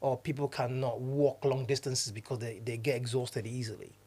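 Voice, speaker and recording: A man's voice: mid-range voice, level tone, normal speed, darkish tone. Man from nigeria, podcast co-host, earnest, restarts phrases, casual chat, mid-range voice. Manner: earnest, repeats and restarts phrases, laughs often. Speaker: podcast co-host, diversity consultant.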